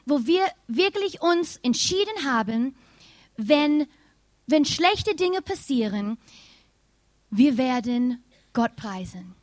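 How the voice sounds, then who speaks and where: Animated woman preaching, German. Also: high-pitched, no echo. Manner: animated storytelling, addresses congregation directly. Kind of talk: sermon with personal story.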